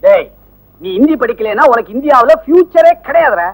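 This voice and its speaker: An actor playing a pompous male Hindi teacher who scolds and shouts at his class in a comic film scene. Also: very high voice, very animated, brisk, full character voice, low-quality recording. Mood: lecturing. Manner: shouting, mixes English and Hindi, comic bluster. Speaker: schoolteacher. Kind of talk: 1980s film acting.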